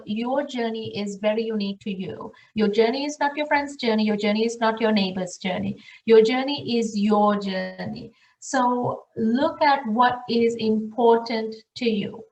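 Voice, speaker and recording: A woman's voice: a little high, unhurried, darkish tone, muffled recording. Earnest woman advising, echoey and distant. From Sri Lanka. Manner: earnest, advising, rhetorical questions. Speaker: international programs director. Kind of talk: webinar presentation. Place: room, recorded for an online webinar. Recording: echoey room, far from the mic.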